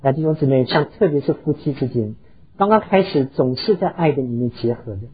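A man's voice: medium pitch, animated, fairly quick, slightly rough, lo-fi sound. A pastor preaching a sermon, earnestly telling stories and slipping English words into his talk. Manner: earnest, heartfelt storytelling.

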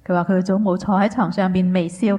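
A woman renders a preacher's sermon line by line as his interpreter. She keeps a steady, fluent pace, with a small filler sound now and then. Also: on the low side, fast.

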